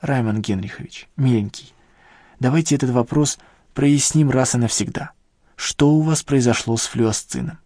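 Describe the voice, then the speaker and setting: A man's voice: medium pitch, normal speed, darkish tone, no echo, studio quality, natural voice. A man reading the lines of a persistent young woman scientist in an audiobook, with a pressing, questioning manner. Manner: pressing, questioning, near the reader's own voice.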